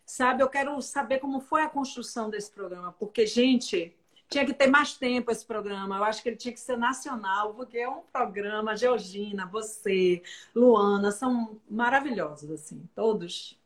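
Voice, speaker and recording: A woman's voice: fairly high pitch, normal speed. A woman from Salvador, hosting an interview and speaking with emphatic enthusiasm. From Salvador, Bahia, Brazil. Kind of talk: casual interview chat.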